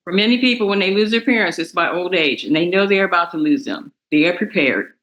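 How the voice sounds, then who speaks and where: Young adult woman, strained and bright, reads a grieving statement at a courtroom mic, falters and restarts. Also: on the low side, animated, rough recording. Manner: emotional, halting, restarts words. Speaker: victim's daughter giving impact statement. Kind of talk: reading a prepared statement aloud.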